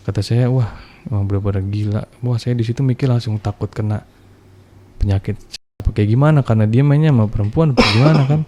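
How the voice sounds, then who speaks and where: Seorang pria berlogat bercerita santai tentang pengalamannya, blak-blakan, kasar, dan penuh bahasa gaul. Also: male voice, medium pitch, fairly even intonation, fast, mellow, a little hiss or hum. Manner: blunt, profane, slangy. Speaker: guest telling a personal story. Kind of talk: casual storytelling chat.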